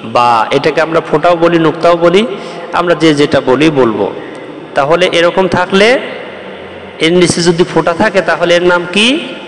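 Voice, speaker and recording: A man's voice: fairly high pitch, a little slow, long pauses, fairly bright tone, reverberant, big-room sound, slight background noise. A man from Bangladesh teaching the Arabic letters, explaining each step patiently and chanting the rhymes in a sing-song voice. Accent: Bangladeshi Bengali. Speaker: Quran teacher.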